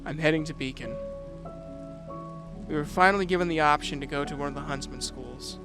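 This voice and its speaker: Voicing a dutiful young prince and heir, a man narrates his own story in a first-person audio drama that includes dialogue, sounding reserved, measured, and quietly resolute. His natural voice has fairly high pitch, and music and rain play in the background.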